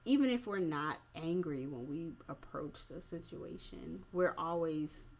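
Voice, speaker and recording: Woman, low pitch, a little tipsy, candid, slangy and profane, casual podcast host. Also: animated, measured pace, a little mellow. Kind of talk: casual opinionated talk.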